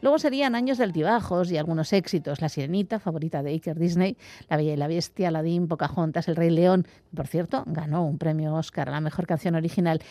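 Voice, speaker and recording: A woman radio presenter, reading a measured, informative scripted segment. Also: low voice, mellow, dry recording. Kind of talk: scripted narration.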